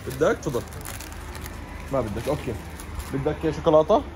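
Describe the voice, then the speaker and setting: A man's voice: on the high side, sing-song, fairly quick. A man in his thirties hosting a family travel vlog, chatting and joking with viewers while filming on a phone. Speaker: vlogger host. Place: moving car, then shop and rented villa. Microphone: handheld phone camera. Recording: loud road noise from a car.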